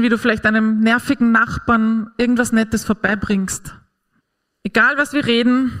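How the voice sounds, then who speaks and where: A woman giving an earnest, encouraging faith-based talk on parenting to an audience. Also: a little high.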